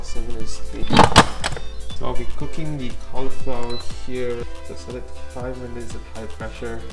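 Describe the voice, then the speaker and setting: A man talking casually in a home vlog about his day, with a halting, hesitant delivery. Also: mid-range voice. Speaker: vlogger. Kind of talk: casual cooking and recovery vlog. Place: indoor home kitchen. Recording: echoey room with music behind.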